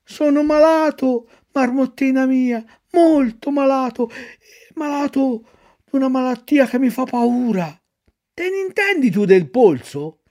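A frantic little wooden puppet boy cries out in a high, wailing voice, read by a woman. His pleas leap up and down in pitch as he laments his own foolishness. It sounds like a storybook read aloud. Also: measured pace. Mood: frightened. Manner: wailing, pleading, high and excitable.

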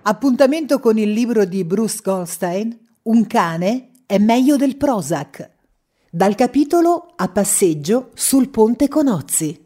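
Woman, calm radio book reading, mellow voice, faint music underneath. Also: on the high side. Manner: calm, measured storytelling.

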